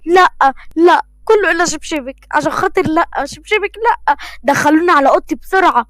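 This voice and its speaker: A woman's voice: very high-pitched, fairly bright tone, no room sound, pitched above the performer's own voice. A woman playing Rawan, a nervous young woman. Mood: anxious. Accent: Egyptian. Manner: anxious, hurried. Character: sweet young woman, nervous about her strict father.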